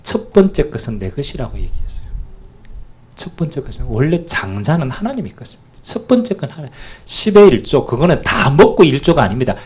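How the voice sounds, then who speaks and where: A man pastor preaching a sermon, animated and calling out to the congregation for amen. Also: fairly high pitch, brisk, husky.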